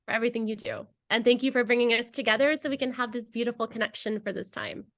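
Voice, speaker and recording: A woman with a fairly high voice talks as a podcast guest. She is chatty and explanatory in a casual interview style, often checking that the listener follows. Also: fairly even intonation, fast. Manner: chatty, explanatory, peppers talk with "you know" and "right?". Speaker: podcast guest, language educator.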